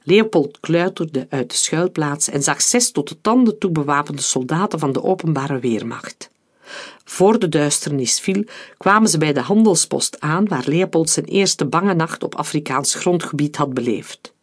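Husky man narrating a story. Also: fairly high pitch, animated, moderate pace. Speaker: audiobook narrator. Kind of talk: scripted narration.

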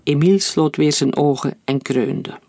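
A man reading a story aloud in a steady, clear narrating voice. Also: a little high, a little slow, dry recording.

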